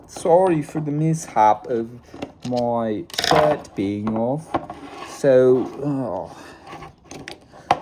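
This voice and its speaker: A man in a DIY car repair vlog doing a mock British accent, rambling chattily over a noisy background. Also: a little high. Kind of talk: casual chat.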